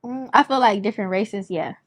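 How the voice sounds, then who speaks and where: A young woman from Los Angeles chatting casually with friends, lively and laughing, acting out what others said. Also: mid-range voice, fairly quick. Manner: lively, laughing, acts out quotes in a raised voice. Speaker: guest, surgical assistant. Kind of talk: casual chat among friends.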